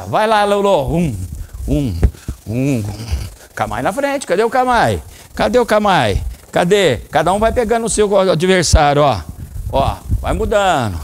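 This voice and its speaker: A middle-aged man with a Brazilian Portuguese accent teaching a children's karate class in a training hall, calling out commands and explaining techniques. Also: sits high. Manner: lively, coaching commands to children. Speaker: karate instructor.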